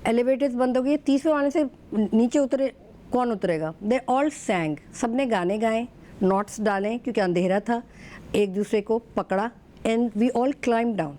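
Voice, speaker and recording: A woman speaking as a guest on a talk show, telling stories fluently and mixing Urdu with English. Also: on the high side. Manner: fluent mix of Urdu and English, animated storytelling. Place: TV studio.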